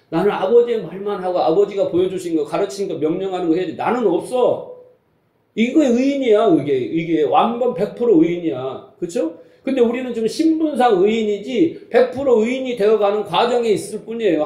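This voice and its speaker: A male pastor with a high but mellow voice delivers a Sunday sermon in an echoey church hall. He is emphatic and keeps putting rhetorical questions to his listeners, dropping now and then into blunt, casual speech. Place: church sanctuary.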